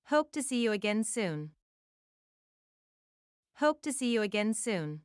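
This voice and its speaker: Slow, crisp woman reading practice phrases. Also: mid-range voice, dry recording, clean studio sound. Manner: repeats each phrase several times, deliberate and even. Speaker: English phrase reader.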